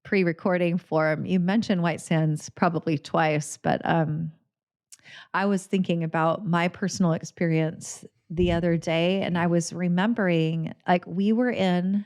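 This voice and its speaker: A woman's voice: lowish voice, fairly even intonation, unhurried, a little mellow, clear, resonant tone. A woman hosting a podcast, talking casually with a friend, chatty with frequent restarts and laughter. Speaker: podcast host. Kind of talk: casual chat.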